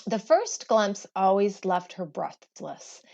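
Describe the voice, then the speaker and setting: Reading a textbook for schoolkids, a woman teacher uses a mid-range voice with some vocal fry. She is deliberate and expressive, pausing as in a storybook, though the audio is dull.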